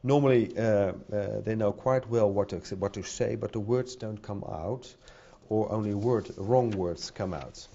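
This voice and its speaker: Speaking at a podium in a conference hall full of listeners, this middle-aged man with a Dutch accent stumbles through his talk with many fillers and repetitions. He has a fairly low, gravelly, dark voice, unhurried yet hardly pausing, with slight background noise. The podium mic captures it in dull lo-fi sound.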